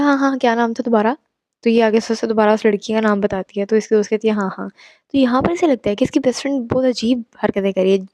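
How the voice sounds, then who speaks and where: A woman's voice: medium pitch, mellow, no room sound. A young woman casually telling a horror story, chatty and mixing in English asides. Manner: chatty, mixes English asides, exclaims at the listener.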